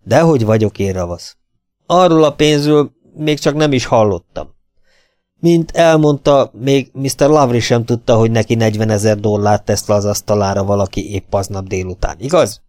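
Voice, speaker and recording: A man's voice: on the low side, a little mellow, dry recording, clean studio sound, lightly acted. A man voicing a cautious, defensive young man who protests his innocence.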